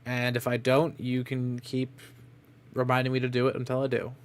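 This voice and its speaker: A man's voice: medium pitch, completely flat delivery, moderate pace. A man chatting casually as he streams a game. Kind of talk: casual chat while playing a game. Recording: clear background noise.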